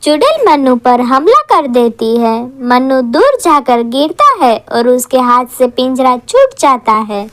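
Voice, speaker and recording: A woman tells a cartoon horror story in a lively, scripted way, her high voice rising and falling widely. The pace is measured with hardly any pauses, and the close, dry recording has no room sound.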